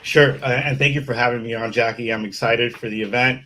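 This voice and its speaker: In a casual interview, a middle-aged Miami man who works as a sales consultant rambles through his career history, full of fillers and false starts. He speaks briskly with medium pitch, fairly even intonation, and a bright, forceful tone.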